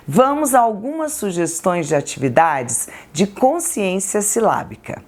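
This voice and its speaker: A woman with a Brazilian Portuguese accent, a textbook author explaining literacy activities slowly and deliberately. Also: medium pitch, big pitch swings. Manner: slow, deliberate, syllable-by-syllable examples. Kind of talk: educational explainer.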